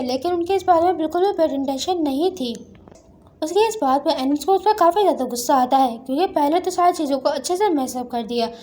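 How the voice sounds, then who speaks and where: A woman narrating a comic story recap in an even storytelling read, quoting the characters without putting on voices. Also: sits high.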